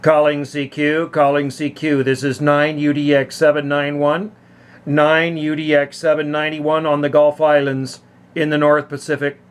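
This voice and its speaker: A man's voice: a little high, level tone, moderate pace, a little hiss or hum. A man working as an amateur radio operator, calling out on ham radio and repeating his call sign in the clipped words of radio procedure. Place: island off the west coast of Canada.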